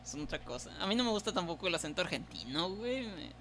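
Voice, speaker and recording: A young Mexican man with a Tampico accent chats loosely as a podcast co-host, tossing out crude slang and jokes. His voice sits high for a man, and a faint hiss runs under the recording. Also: very animated, fast, pushed and bright. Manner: joking, crude slang, frequent laughter. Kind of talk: casual chat.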